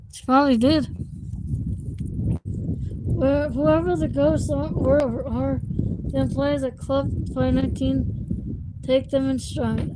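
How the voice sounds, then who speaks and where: A woman's voice: high voice, noisy background. A woman casually reading ghost stories aloud to her viewers, stumbling and restarting, with chuckles and chatty asides. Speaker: host reading ghost stories to a live stream chat.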